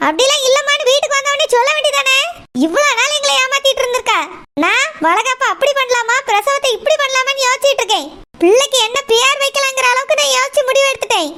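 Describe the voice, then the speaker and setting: A woman's voice: extremely high pitch, fast talker, pushed and bright, heavily acted. Woman voicing a furious scolding cartoon mother. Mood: angry. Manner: harsh, ranting, scolding. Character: furious middle-aged mother, scolding and bitter. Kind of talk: cartoon voice acting.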